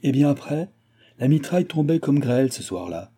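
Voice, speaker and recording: A man reading the part of a mysterious, calm stranger who speaks gravely and without embarrassment. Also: medium pitch, normal speed, pitched above the performer's own voice. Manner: grave, unruffled.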